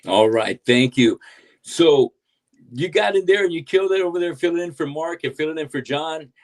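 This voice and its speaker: A man's voice: a little high, normal speed. A man hosting a podcast interview, effusive and hyped, praising his guest and swearing for emphasis. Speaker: podcast host.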